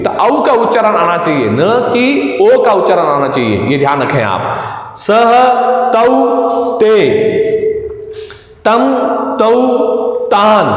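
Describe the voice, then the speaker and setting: A male teacher drilling his class on pronunciation, speaking slowly and deliberately and repeating each word for emphasis. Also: high-pitched. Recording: very echoey room with long reverb.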